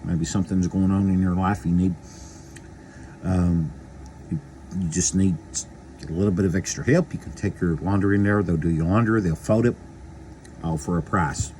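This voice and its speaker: A man's voice: sits low, fairly even intonation, moderate pace, long pauses, dark tone, a little hiss or hum. A man, chatting casually as a local video host, rambling and folksy with lots of repeated phrases. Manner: eating while talking. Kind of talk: casual chat to camera.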